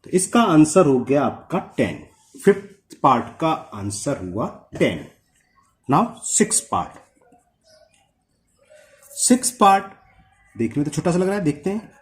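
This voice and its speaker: A young man with a somewhat high voice teaches a whiteboard maths lesson. He talks each step through, keeps asking "what does this become?", and drags out the formulas word by word. It sounds close-miked and direct. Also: sing-song. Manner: explains step by step with many quick questions to the viewer; slows right down to read out formulas.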